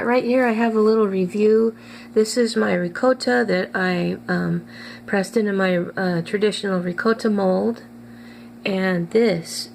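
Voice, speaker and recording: A woman's voice: fairly low pitch, creaky, slight background noise. A woman talking casually in her kitchen as a cooking vlogger, chatty and hesitant, tasting food as she goes. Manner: chatty, hesitant with many fillers, tastes food while talking.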